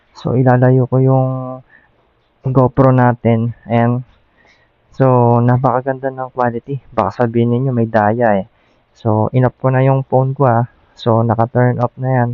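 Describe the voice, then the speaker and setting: A motovlogger who reviews products talks informally with a Filipino accent, demoing gear vlog-style through the Bluetooth intercom in his motorcycle helmet. His mid-range voice has no echo, though the helmet mic is dull and the noise is loud.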